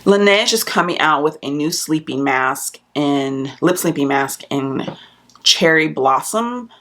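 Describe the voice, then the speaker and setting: A woman beauty vlogger chatting casually about new makeup releases, rambling with fillers and restarts and jumping up in pitch when she stresses a point. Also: expressive, unhurried, fairly bright tone.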